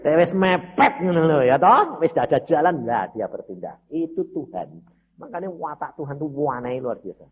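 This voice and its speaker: An older man gives an animated testimony sermon at a moderate pace in a fairly high voice, speaking straight to the congregation as brothers and sisters and slipping in Javanese words. The dull lo-fi recording has slight background noise.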